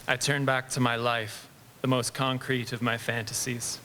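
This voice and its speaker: A man from Southern Alberta reading his own reflective poem at a live open mic, measured, then wry after. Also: mid-range voice, little pitch movement, bright, forceful tone, slight background noise. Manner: measured, wry between poems. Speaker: poet. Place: small acoustic lounge with live audience.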